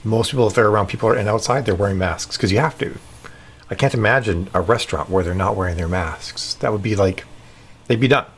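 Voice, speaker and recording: Husky low-voiced man hosting a stream. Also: fast. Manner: chatty, greeting viewers and answering chat by name. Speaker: live stream host. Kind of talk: casual live-stream chat.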